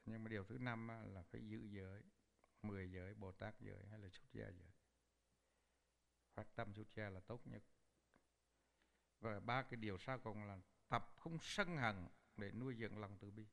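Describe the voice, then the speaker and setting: Male Buddhist preacher, low and gravelly, animated storyteller. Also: moderate pace, long pauses. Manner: animated storyteller, acts out quoted speech. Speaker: Buddhist teacher. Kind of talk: sermon with storytelling.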